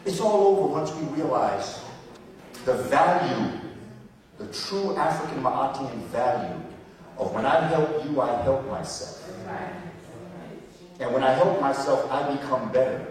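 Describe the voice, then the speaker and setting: A man's voice: medium pitch, animated, measured pace, long pauses, a little mellow. A man giving a passionate, preacherly history lecture, emphatic and repeating words for effect, recorded from a distance in a large hall. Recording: echoey hall, recorded from afar.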